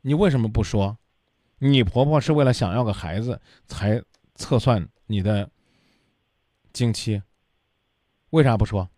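A man's voice: lowish voice, measured pace, pauses often, dark tone, no echo, studio quality. A man hosting a radio advice show, lecturing a caller bluntly and scolding her.

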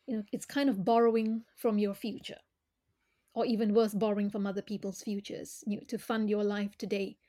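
A woman from Malaysia, a former corporate director, answering interview questions in a thoughtful, measured way with frequent fillers. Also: medium pitch, flat delivery, mellow.

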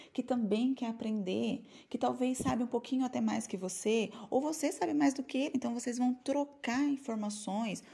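Lively Brazilian woman teaching English. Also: a little high, gravelly. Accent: Brazilian Portuguese. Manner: lively, chatty, mixes English terms into speech. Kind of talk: casual online lesson.

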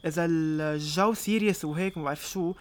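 A woman's voice: low voice, brisk. Young Lebanese female, casual conversational delivery, frequent Arabic-English mixing. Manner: mixes English words and phrases into Arabic. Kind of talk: casual discussion.

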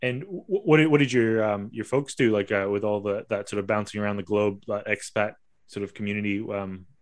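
A man's voice: on the low side, fairly quick. A man hosting a podcast, asking questions in a rambling, hesitant way. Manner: rambling, hesitant with many fillers and restarts. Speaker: podcast host. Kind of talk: casual interview.

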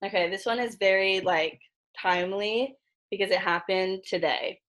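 A young woman hosts a relaxed podcast chat with a gravelly vocal fry. She laughs easily and talks in a loose way, full of fillers. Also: mid-range voice, moderate pace. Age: young adult. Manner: giggly, chatty with many fillers. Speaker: podcast host.

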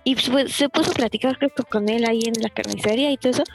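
A woman's voice: fairly high pitch, fast, gravelly, faint music behind. A young woman with a Mexican accent telling a story in a casual, chatty way, full of fillers and laughs. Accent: Mexican Spanish. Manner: laughs often, chatty fillers, animated retelling.

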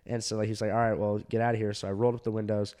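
Male stand-up comic, lowish voice, loose rambling anecdote with lots of swearing and quoted voices. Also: racing, clear, resonant tone. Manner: rambling, filler-heavy and profane, with animated quoted voices. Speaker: stand-up comedian. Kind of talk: casual storytelling chat.

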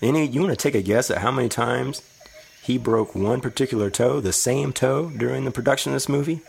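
A man's voice: mid-range voice, brisk, vocal fry, slight background noise. A man co-hosting a casual movie chat, teasing his partner in a dry way as he shares trivia. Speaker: podcast co-host.

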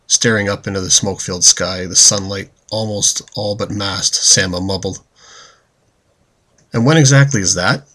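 Man, very low voice, audiobook narrator, steady descriptive reading. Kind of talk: scripted storybook narration.

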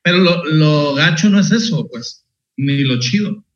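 Mexican man, animated storyteller, laughs a lot, higher voice; dull, echoey recording. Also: a little slow. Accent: Mexican Spanish. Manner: laughing, animated anecdotes with slang. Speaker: podcast guest, motivational speaker. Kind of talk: casual storytelling chat. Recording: echoey room, dull lo-fi sound.

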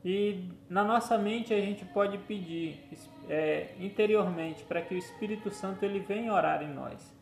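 A man preaching a teaching sermon, gently instructive and often checking in with his listeners. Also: high-pitched, moderate pace, creaky, hardly any pauses. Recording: echoey room with faint music.

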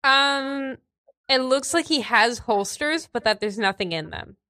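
Woman, game master, bright voice, dry recording, casual halting scene description. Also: sits high, animated, no echo. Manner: halting, hedging, thinking aloud.

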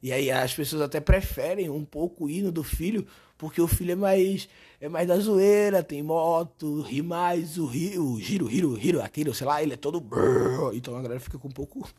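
A hoarse, hungover man with a Brazilian accent, telling stories in a slangy, animated, sweary way as a comedian hosting a casual podcast. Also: fairly high pitch, normal speed. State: hoarse from a hangover and shouting. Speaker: podcast host and stand-up comedian. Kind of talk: casual comic podcast monologue.

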